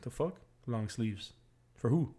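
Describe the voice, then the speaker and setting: A man's voice: mid-range voice, lively intonation, slow pace, warm tone, slightly rough. A man hosting a casual home podcast, joking and teasing in a crude, offhand way. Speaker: podcast host. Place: home in Miami.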